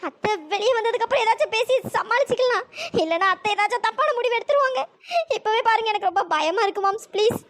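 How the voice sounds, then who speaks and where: A timid young cartoon woman, voiced by an actor, fearful and pleading. Her pitch-raised voice is extremely high and bright. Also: quick pace. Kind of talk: cartoon drama dialogue.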